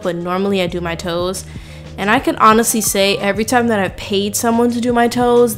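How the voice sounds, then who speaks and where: Chatty young woman narrating a nail tutorial. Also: medium pitch. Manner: chatty, lots of fillers like "like" and "um"; playful asides to viewers. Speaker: beauty vlogger.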